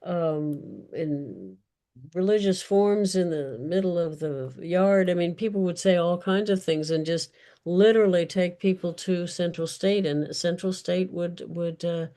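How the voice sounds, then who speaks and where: A woman author fields audience questions at a virtual event, unscripted and careful, frequently pausing to find her words. She has a lowish, warm voice and speaks a little slowly.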